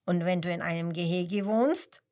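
A woman's voice: lowish voice, moderate pace, darkish tone, lightly acted. A woman voicing a grumpy, bored male lion in a zoo story, grumbling and sulky.

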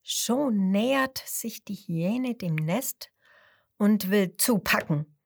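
Woman reading a kids bedtime story, slow and lively, bits whispered. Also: mid-range voice, gravelly. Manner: slow, expressive, sometimes dropping to a whisper.

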